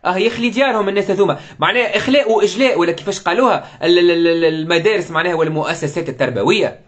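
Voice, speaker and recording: A man's voice: high voice, very fast, fairly bright tone. A man with a Tunisian Arabic accent giving an impassioned live political commentary, firing off rhetorical questions and mixing in French words.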